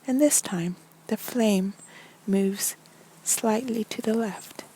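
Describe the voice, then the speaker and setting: Through a rough recording with slight background noise, a woman narrates a guided meditation story in a soft, breathy, medium-pitched voice. Her delivery is soothing and deliberate, often verging on a whisper, with many pauses between short phrases.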